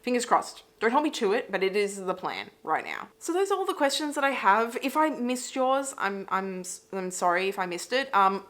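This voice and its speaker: A woman's voice: medium pitch, very animated, normal speed, few pauses, a bit bright. A woman in her thirties from Britain hosting a casual sit-down Q&A for her channel, rambling in a chatty way with lots of "like" fillers. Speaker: YouTube reaction channel host.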